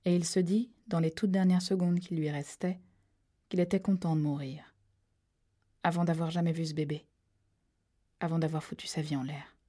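A woman narrating a thriller audiobook in a steady, measured storytelling voice that drops to hushed tones at tense moments. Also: sits low.

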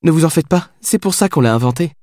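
A man reading the part of a spirited, impulsive young woman who answers in quick, teasing retorts. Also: on the high side, expressive, warm tone, no echo, clean studio sound, voice pushed up. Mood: cheeky. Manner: quick, teasing, triumphant replies.

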